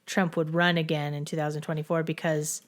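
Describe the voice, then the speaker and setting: A woman's voice: sits low, level tone, fairly quick. A middle-aged woman co-hosting a podcast in casual chat, talking in a chatty, rambling way. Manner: chatty, rambling, with frequent restarts. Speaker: podcast co-host.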